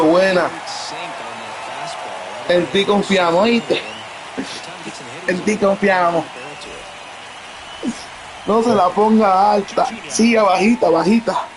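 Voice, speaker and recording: A man calls a video game baseball match for his stream in a high, unhurried voice. He breaks into shouts and exclamations at every big play and talks straight to his viewers. A loud stadium crowd from the game roars behind him. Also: rough recording. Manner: excitable, bursts into shouts and exclamations. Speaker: gaming streamer. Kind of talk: excited live gameplay commentary. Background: video game crowd sound.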